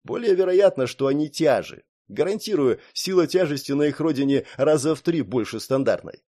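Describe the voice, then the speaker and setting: A man's voice: on the high side, expressive, moderate pace, mellow. A man narrator voicing a brash young male space pilot who teases his friend with a smirk. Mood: mocking. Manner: smirking, teasing.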